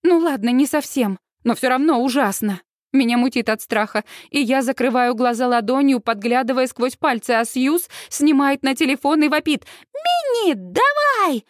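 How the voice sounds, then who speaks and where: A woman narrates a first-person audiobook in a fairly high voice. Her reading is lively and expressive. The recording is dry and close. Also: moderate pace, no echo.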